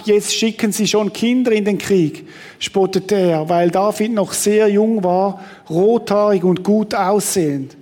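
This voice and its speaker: A man preaching a sermon, acting out quoted voices with frequent restarts. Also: high voice. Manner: animated preaching, acts out quoted voices, restarts mid-sentence. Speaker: pastor.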